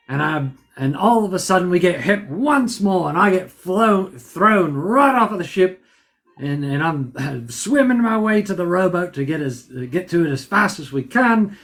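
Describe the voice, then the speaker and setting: A man with a notably high voice plays a pirate captain. He tells an animated story over a voice call, acting out shouted orders. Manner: animated storyteller who acts out shouted lines. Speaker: pirate captain persona, event host. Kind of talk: in-character storytelling on a group call.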